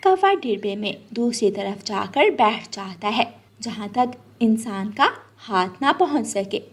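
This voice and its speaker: A woman narrates a scripted children's story with expressive, storytelling flair. Her husky voice sits in the mid-range, and she speaks a little slowly.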